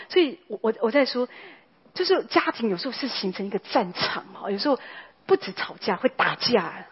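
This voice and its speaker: A woman's voice: on the high side, dull audio. A woman, a pastor's wife preaching a sermon in a chatty way, full of tag particles and fillers.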